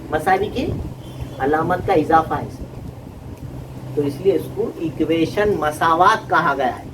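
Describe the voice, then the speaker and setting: A man teaching a math class, explaining patiently and often asking his students questions. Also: sits high. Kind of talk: classroom lesson. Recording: distant mic with traffic noise.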